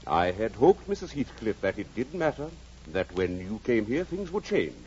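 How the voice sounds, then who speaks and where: A man's voice: fairly low pitch, big pitch swings, normal speed, a little mellow, slight background noise. An actor playing a kindly, blunt middle-aged country doctor, dryly witty and fatherly in 1940s radio acting, on a dull old radio broadcast. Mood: grave. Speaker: Doctor Kenneth.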